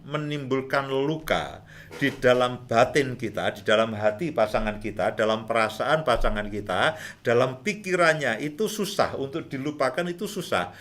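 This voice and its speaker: A man's voice: on the high side, a bit bright. Chatty man giving marriage advice. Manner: chatty, repeats points, chuckles often. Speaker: host, marriage counselor. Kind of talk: relaxed advice talk on marriage.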